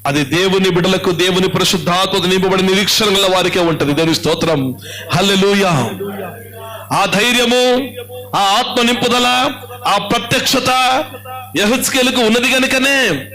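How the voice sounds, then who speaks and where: A man with a Telangana Telugu accent preaching a church sermon, asking rhetorical questions and swinging his pitch up and down. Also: sharp tone, low-quality recording. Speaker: pastor. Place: church hall.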